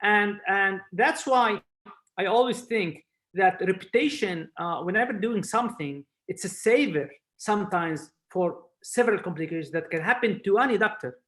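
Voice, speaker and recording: Over a video call, a Spanish surgeon lecturer delivers an informal expert webinar talk in halting non-native English, repeating words. His voice sits high, with lively intonation and a fairly bright tone.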